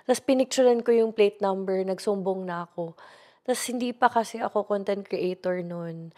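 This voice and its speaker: A young woman with a Filipino accent recounts her own experiences in a casual storytime vlog. Her voice sits at a middle pitch, and she slips between languages mid-sentence. She talks to the viewer like a close friend. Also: moderate pace, darkish tone. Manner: chatty Taglish storytelling, addresses viewer as best friend. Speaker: content creator.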